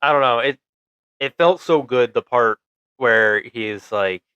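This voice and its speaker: A man's voice: medium pitch, a little slow, bright, forceful tone, smooth, dry recording, highs cut off. A man co-hosting a podcast, chatting casually and enthusiastically about a movie and laughing easily. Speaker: podcast co-host. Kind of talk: casual movie review chat.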